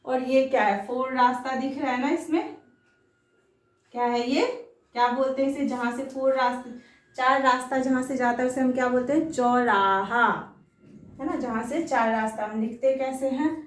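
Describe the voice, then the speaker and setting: A woman's voice: high-pitched, steady tone, moderate pace, roomy sound, recorded from a distance. A woman teaching a children's lesson on Hindi vowel signs, patient, stretching syllables out and asking frequent questions.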